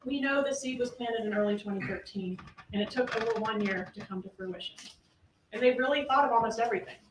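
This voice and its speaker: A woman's voice: a little high, fast. Woman prosecutor, closing argument, pointed questions, roomy and distant courtroom audio with faint noise. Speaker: trial prosecutor. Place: large courtroom. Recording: echoey courtroom audio from far off.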